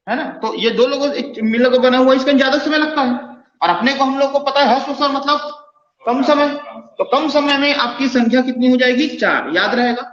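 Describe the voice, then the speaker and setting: A man with a fairly high voice teaches a classroom grammar lesson, repeating each rule several times and putting questions to his students. The classroom echoes around him. The recording has a dull, muffled sound. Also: a bit bright. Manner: repeats phrases and quizzes students. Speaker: Hindi teacher. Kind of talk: classroom lecture. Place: classroom with lights off.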